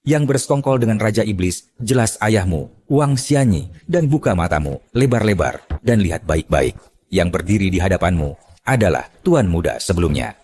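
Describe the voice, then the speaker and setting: A man's voice: deep voice, big pitch swings, moderate pace, darkish tone, a little hiss or hum. A man dubbing a shrewd, confident middle-aged clan patriarch and father-in-law. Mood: defiant. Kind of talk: dubbed drama acting.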